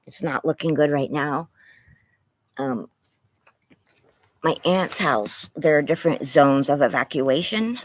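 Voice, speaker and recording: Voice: medium pitch, animated, takes it slowly, pauses often. A livestreamer chatting casually and apologetically through a face mask, muffled, anxious, with a strained, tired throat. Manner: apologetic, rambling. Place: outdoors in a yard.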